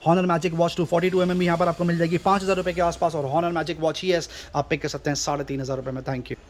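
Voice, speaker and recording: Indian accent guy, overeager teleshopping pitch, high voice, talks really fast, hypes every deal. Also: level tone, a little hiss or hum. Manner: overeager, hyping, repeats stock superlatives. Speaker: shop channel host presenting deals. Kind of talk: rapid-fire teleshopping sales pitch.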